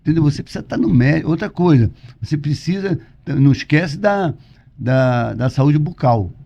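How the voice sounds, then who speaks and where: Gravelly, mellow Brazilian male pastor. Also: on the high side, animated, normal speed. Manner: emphatic, repeats points and asks rhetorical questions. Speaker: pastor, podcast guest. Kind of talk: conversational preaching. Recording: dull lo-fi audio.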